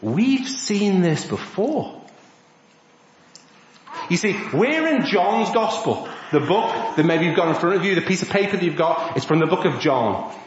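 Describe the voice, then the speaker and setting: Lively preacher man in echoey church. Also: fairly high pitch, a little fast, hardly any pauses, slight background noise. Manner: lively, asks the congregation questions, acts out voices. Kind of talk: animated all-age sermon. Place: church hall. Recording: echoey church, dull lo-fi sound.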